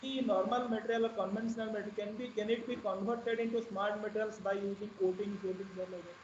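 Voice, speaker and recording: A man with an Indian accent asks questions at an online seminar. His voice is high for a man, and his manner is hesitant and deferential. The line is echoey and muffled. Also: fairly even intonation, quick pace. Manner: deferential, hesitant, often says sir. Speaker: webinar attendee, researcher asking questions. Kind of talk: question and answer. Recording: echoey, dull online call, faint noise.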